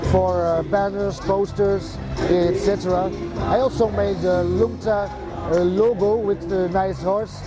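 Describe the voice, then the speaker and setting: A man's voice: high voice, level tone, measured pace. A man from Belgium, a designer for a support group, speaking in a hesitant, plain way with many fillers in a short interview at an outdoor festival. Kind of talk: short interview at an event stand. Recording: loud music and crowd outdoors.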